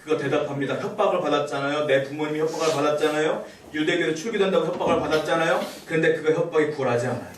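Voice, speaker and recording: A man preaches a sermon to his congregation in a lively, questioning manner. His voice sits high and he talks quickly. He sounds echoey and distant, as if recorded from across a church sanctuary. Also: background noise. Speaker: pastor. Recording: echoey church room, voice from far off.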